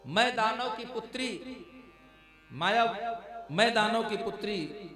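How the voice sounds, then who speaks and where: A man with a high voice preaches a devotional story at an unhurried pace, acting out each character's lines and calling his listeners "maharaj". He sounds some way off from the mic in a large, echoey live venue. Devotional music plays clearly behind him. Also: lively intonation, recorded from a distance. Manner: storytelling, acts out dialogue, addresses listeners as "maharaj". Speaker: Ram Katha preacher.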